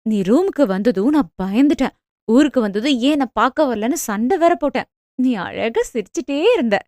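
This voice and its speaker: A woman's voice: fairly high pitch, no echo, clean studio sound, natural voice. Woman doing a bold young heroine scheming for love. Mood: coaxing. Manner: lively, coaxing, quick when explaining plans.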